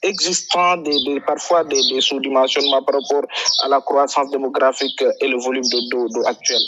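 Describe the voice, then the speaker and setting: A man from Senegal, answering interview questions about flooding in a halting way, full of fillers and repeated words. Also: mid-range voice, fairly even intonation, very noisy. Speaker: flood prevention activist, guest.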